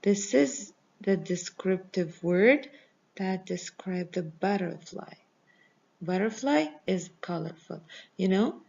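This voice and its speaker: Slow, gravelly-voiced woman teacher. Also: lowish voice, animated, a little mellow. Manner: slow, patient explaining with repeated reminders. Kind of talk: recorded grammar review lesson. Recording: dull lo-fi recording.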